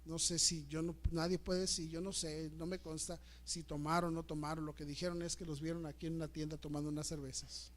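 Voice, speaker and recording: Male pastor, middle-aged, emotional sermon, repeats himself, loud and soft swings. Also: fairly high pitch, level tone, fairly quick, hardly any pauses. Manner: emotional, repeats words, dramatic swings in loudness. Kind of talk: sermon with storytelling.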